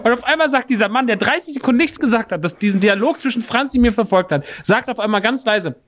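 High-voiced man telling a lively anecdote. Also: fast talker. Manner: animated, acts out voices in anecdotes. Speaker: podcast co-host. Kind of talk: casual storytelling chat.

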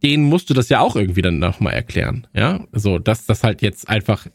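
A man's voice: on the low side, big pitch swings, brisk, vocal fry, dry recording, studio quality. A man chatting casually as a podcast host, rambling with many restarts. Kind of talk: casual chat.

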